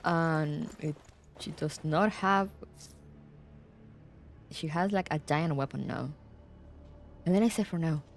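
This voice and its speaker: A woman's voice: low voice, takes it slowly, long pauses, soft background music. A woman giving casual, rambling commentary as she plays through a video game. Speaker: game streamer. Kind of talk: casual playthrough commentary, reading dialogue aloud.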